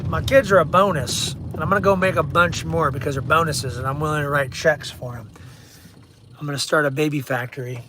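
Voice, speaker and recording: A man's voice: a little high, a little fast, background noise. A middle-aged man, a real estate agent, chatting bluntly and rambling in a casual livestream from his car while he drives and reads viewer comments aloud.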